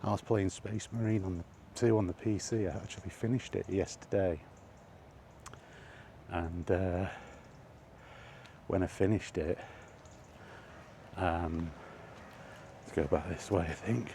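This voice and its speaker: A man vlogging on a walk under trees rambles casually in a wry, grumbling manner. His low-pitched, dark voice holds a steady tone at a measured pace, broken by long pauses. There is faint outdoor ambient noise.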